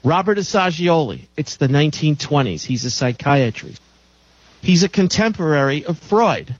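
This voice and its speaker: Male radio host, emphatic monologue, slightly raised pitch, dry muffled broadcast audio. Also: big pitch swings, moderate pace, no echo. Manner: emphatic, lecturing, repeats phrases for stress.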